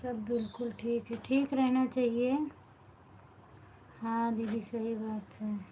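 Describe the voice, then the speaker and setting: A woman hosting a late-night live stream at home keeps her voice low while others sleep. She talks slowly, in a fairly high but flat tone. A faint hiss of background noise runs under her voice. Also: rough recording. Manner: warm greetings, devotional blessings to viewers. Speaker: live-stream host chatting with viewers. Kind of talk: casual live chat.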